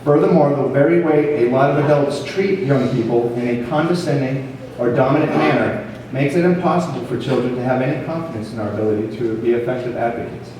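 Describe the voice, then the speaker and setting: A man's voice: medium pitch, a little fast. A man giving an earnest, formal prepared speech as the leader of a program. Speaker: police officer speaking as program leader. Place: large echoing hall at a school ceremony. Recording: echoey hall from far off, faint noise.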